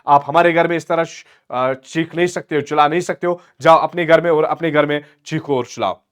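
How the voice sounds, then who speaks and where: A man's voice: brisk, clear, resonant tone, natural voice. A man voicing a young woman who quarrels indignantly, acting out a scene for his class. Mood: scolding. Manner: shrill, indignant, scolding.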